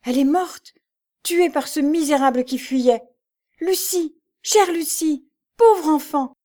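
A woman's voice: fairly high pitch, steady tone, normal speed, mellow, voice pushed up, natural voice. A woman voicing a grief-stricken middle-aged bread carrier, raised and choked with sobs, in an audiobook. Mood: anguished. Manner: choked, sobbing, pleading.

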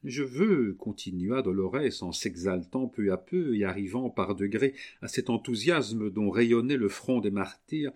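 A man narrating a classic novel in a measured, even storytelling manner. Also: lowish voice. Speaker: audiobook narrator.

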